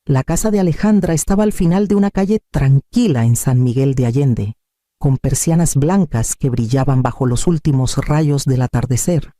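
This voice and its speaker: Very mellow man narrating a story. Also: fairly high pitch, dry recording, studio quality. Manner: calm, measured storytelling. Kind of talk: scripted first-person story narration.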